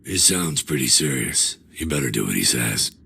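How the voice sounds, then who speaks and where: A sardonic agent, gravelly and low. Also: male voice, very animated, normal speed, sharp tone, heavily acted. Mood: sarcastic. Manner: sarcastic, laid-back. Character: sardonic male agent, dry wit.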